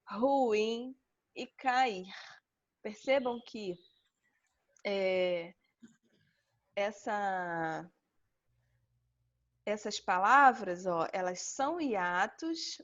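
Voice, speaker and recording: Brazilian teacher explaining over a video call. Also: female voice, on the high side. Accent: Brazilian Portuguese. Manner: patient, explaining step by step with frequent "tá?". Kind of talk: online class lesson. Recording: dull lo-fi video call audio.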